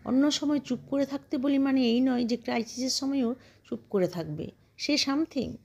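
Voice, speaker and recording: A woman's voice: sits high, moderate pace, a little mellow, highs cut off, voice pushed up. Woman narrator voicing a young male coder, bossy and panicky; storybook read. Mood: exasperated. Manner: urgent, exasperated, bossy.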